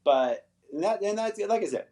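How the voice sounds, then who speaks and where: Speaking at a normal speed in a high, warm, expressive voice, a middle-aged man hosts an English lesson livestream from Los Angeles. He rambles and chats casually with viewers, frequently ending points with "right?"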